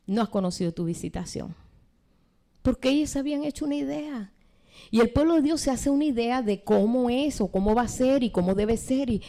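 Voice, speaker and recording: A middle-aged woman teaching a sermon at a seminar, acting out quoted voices with sudden swings in pitch. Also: dark tone. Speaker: seminar preacher.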